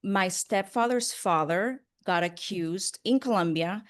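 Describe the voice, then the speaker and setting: A woman's voice: medium pitch, unhurried. A woman telling personal stories as a journalist being interviewed, in an earnest, conversational way with emphasis on key words. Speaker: interview guest, broadcast journalist. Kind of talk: casual personal storytelling in an interview.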